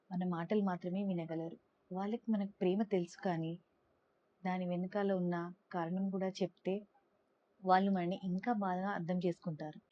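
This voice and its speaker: A woman telling a storybook tale for families in a gentle manner, speaking directly to the listeners. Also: fairly low pitch. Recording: dull lo-fi recording.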